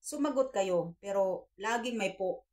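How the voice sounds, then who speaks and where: A woman in her fifties talks straight to her viewers, earnest and a little preachy. Her voice sits at an ordinary middle pitch, and she keeps the tone of a casual home vlog. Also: expressive, a little slow, a little mellow. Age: 50s. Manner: earnest, preachy, addresses viewers as guys, acts out quoted dialogue. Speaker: vlogger giving life advice. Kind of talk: casual advice talk to viewers.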